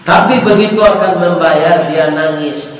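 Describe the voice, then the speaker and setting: A man preaching a sermon to a mosque gathering with a Minangkabau-tinged Indonesian accent, telling a story with humor and dropping softly into the prayers of the people in it. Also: on the high side, a little slow. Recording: echoey hall, distant mic, faint noise.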